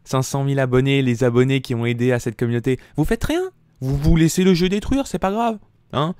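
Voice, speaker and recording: A young man rants furiously into a desk mic, swearing, his voice leaping up when he shouts. The sound is dry and close, with no room around it, and his voice sits at an ordinary middle pitch. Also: brisk, clear, resonant tone, no echo. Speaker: gaming YouTuber. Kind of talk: angry rant over gameplay.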